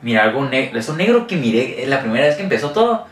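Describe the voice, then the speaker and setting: A young man with a Mexican accent telling a scary story in casual chat and acting out shouts and sound effects. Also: medium pitch, sing-song, quick pace. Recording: echoey room, mic at a distance, faint noise.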